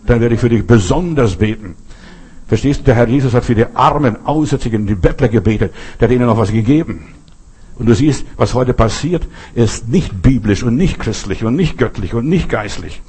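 A man's voice: medium pitch, lively intonation, brisk, darkish tone, husky. A man preaching a folksy sermon, talking straight to his listeners with many asides. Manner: folksy, addresses listeners directly with frequent asides. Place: Berlin.

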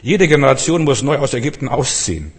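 A man preaching a sermon, emphatic and direct, turning from loud outbursts to soft, low passages and putting questions to his listeners. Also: sing-song, fast, slightly rough. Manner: addresses listeners directly, often with rhetorical questions. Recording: long hall reverb.

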